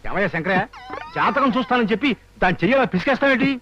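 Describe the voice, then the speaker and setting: An actor playing a suspicious, short-tempered husband who quarrels with a palm reader, in an old film. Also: male voice, high-pitched, animated, very fast, sharp tone. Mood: irritated. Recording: muffled old film soundtrack with clear music.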